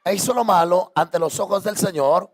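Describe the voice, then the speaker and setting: A man's voice: sits high, normal speed. A man preaching a sermon as pastor, impassioned, throwing out repeated rhetorical questions to his congregation. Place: church sanctuary.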